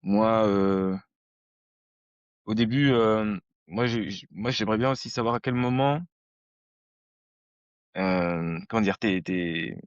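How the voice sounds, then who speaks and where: Lowish-voiced man in his thirties hosting. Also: slow pace, pauses often, clean tone, no room sound, muffled recording. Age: 30s. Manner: slangy, rambling storytelling. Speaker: podcast host. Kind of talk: casual conversation.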